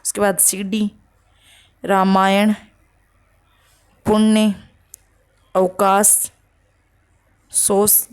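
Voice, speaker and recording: A woman teaching spelling for an exam, slowly reading out word lists and checking with short asides. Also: medium pitch, little pitch movement, smooth. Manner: slow, listing words one by one with "ठीक है" checks.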